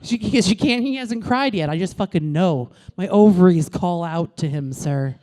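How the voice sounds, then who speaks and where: A woman in her late thirties doing a stand-up comedy set on a club stage, brash and crude, with deadpan asides to the crowd. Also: fairly low pitch, moderate pace. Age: late 30s.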